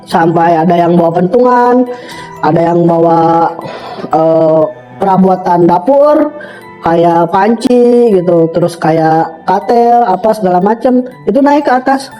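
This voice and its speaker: A man's voice: sits high, lively intonation, a little slow, mellow, faint music behind, rough recording. A young man telling a personal story in casual, rambling speech full of fillers, often calling the listener brother. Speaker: storyteller guest.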